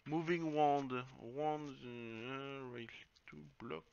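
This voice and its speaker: Guy rambling over his game, slow talk, lively pitch, kinda dull lo-fi mic. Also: clear, resonant tone. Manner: chatty, swears, muses aloud while playing. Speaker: let's play gamer. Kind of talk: casual game commentary.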